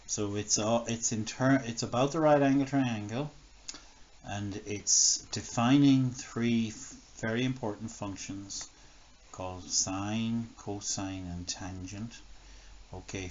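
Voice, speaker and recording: Male maths teacher, thinking aloud. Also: on the low side. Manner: thinks aloud, many fillers and self-corrections. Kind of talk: recorded classroom lesson, working examples on screen. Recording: dull lo-fi screen recording with faint noise.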